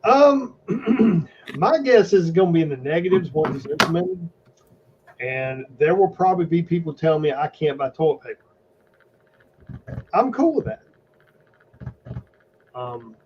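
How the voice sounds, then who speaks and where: A man with a somewhat high voice talks bluntly, swearing freely in a casual podcast chat. The recording is dull and lo-fi, with a faint hiss behind him. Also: animated, unhurried, long pauses. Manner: blunt, profane, emphatic.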